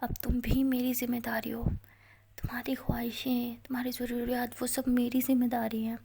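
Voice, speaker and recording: A woman voicing a caring older woman teacher who speaks softly and reassuringly. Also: a little high, level tone, normal speed, vocal fry, slightly rough. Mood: tender. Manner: soft, reassuring, affectionate.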